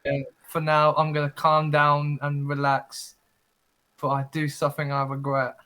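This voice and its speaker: A man's voice: fairly high pitch, completely flat delivery, normal speed, pushed and bright, clean tone. A man chatting casually as a player in a tabletop game.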